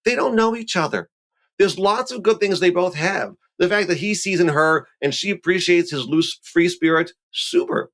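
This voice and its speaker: A man's voice: high-pitched, normal speed. A man, a rabbi, talking on a podcast and arguing emphatically, building his point through everyday examples. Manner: animated, emphatic, argues with examples. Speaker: rabbi guest. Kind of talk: podcast discussion.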